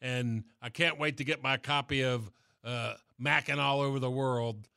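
A man hosting a casual live radio interview, talking in a loose, halting way. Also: medium pitch, steady tone, vocal fry, sharp tone. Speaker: radio show host.

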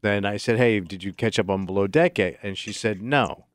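A man's voice: fairly low pitch, moderate pace, no room sound. A male radio co-host in casual on-air banter, rambling and hesitant with lots of fillers, on a studio mic.

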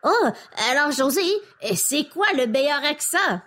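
A high, excitable young girl. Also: unhurried, full character voice. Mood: enthusiastic. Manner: enthusiastic, exclamatory. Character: curious cheerful young girl puppet host. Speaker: co-host of a children's show. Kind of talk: children's TV dialogue.

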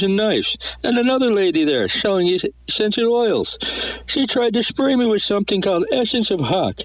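A man voicing a folksy, droll old fellow in a deadpan comic radio segment with clipped sentences. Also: high voice, no room sound, rough recording.

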